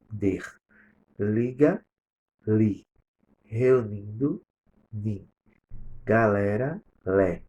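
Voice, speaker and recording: A Brazilian man with a lowish, gravelly voice goes over exercise answers like a teacher. He explains step by step and reads each answer aloud at an even, steady clip. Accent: Brazilian Portuguese. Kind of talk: recorded remote lesson review.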